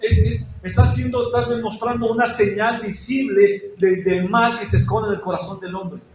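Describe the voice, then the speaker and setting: A man's voice: sits high, steady tone, normal speed, a little mellow, slight background noise. A man preaching a sermon in a church, asking his congregation questions and acting out prayers with feeling. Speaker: pastor. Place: church hall. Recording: echoey church hall, dull lo-fi sound.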